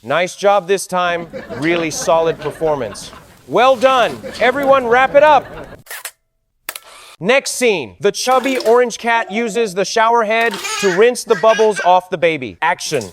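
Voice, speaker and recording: A man's voice: sits high, animated, a little slow, noisy background. A man playing a film director on set, calling cut and again in a bossy, exasperated way. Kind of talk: scripted comedic narration.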